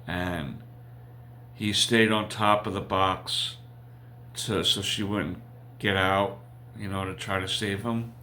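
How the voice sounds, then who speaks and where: Man, TV review host, slow unhurried talk, bright tone, rambling with fillers. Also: low-pitched, fairly even intonation, a little hiss or hum. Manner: rambling, slow, with frequent fillers and self-corrections. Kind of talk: casual spoiler recap.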